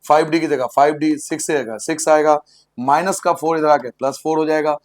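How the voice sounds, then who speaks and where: High-voiced man teaching maths. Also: fairly even intonation, a little fast. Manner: asks questions and answers them himself, repeats steps in a sing-song way; playful, jokes with the class. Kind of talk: blackboard maths lesson for school students.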